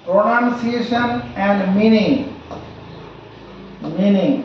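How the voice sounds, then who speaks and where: A man with a high voice teaches at a very slow pace, spelling each word out letter by letter and saying it again and again. He sits back from the mic in a strongly echoing room, and the recording sounds dull and lo-fi. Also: distant mic, slight background noise. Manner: spells words letter by letter and repeats them slowly. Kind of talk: slow spoken lesson.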